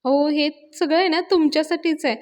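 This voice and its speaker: An eager young man with a high pitch, coaxing and reassuring in a chatty way, from a spoken serial recap, as a woman narrator acts him. He keeps urging her to relax. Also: steady tone, normal speed, a little mellow, lightly acted.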